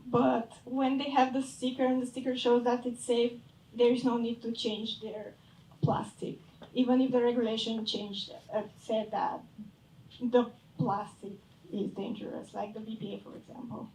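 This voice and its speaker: Young Bulgarian woman pitching in an echoey hall. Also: level tone, moderate pace, mellow, recorded from a distance. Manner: hesitant, searching for words, fades at phrase ends. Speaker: startup founder pitching. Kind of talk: pitch and Q&A answers.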